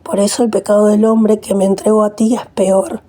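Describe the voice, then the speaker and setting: A woman reading the calm, firm words of a male religious teacher in her own voice. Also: mid-range voice, normal speed, close to an everyday voice. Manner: read plainly in the reader's own voice.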